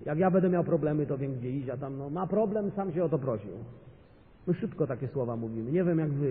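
A man delivers an impassioned sermon as a visiting pastor, his fairly high voice rising to loud, emphatic peaks. The sound is thin and phone-like, with a long reverb from a big hall. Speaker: guest pastor.

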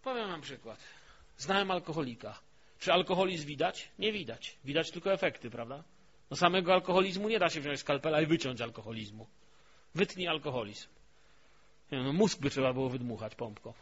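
A man preaches, telling stories that move from hushed asides to emphatic peaks. The recording sounds dull and lo-fi, as if taken in a church. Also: fairly high pitch, animated, a little fast, slightly rough. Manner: storytelling, swings from hushed to emphatic. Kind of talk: sermon.

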